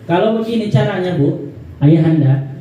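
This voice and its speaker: A man's voice: high-pitched, expressive, moderate pace, warm tone, dull audio. A man giving a religious lecture, talking conversationally, asking the audience questions and acting out everyday speech. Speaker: preacher. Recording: roomy hall, voice from a distance, faint background noise.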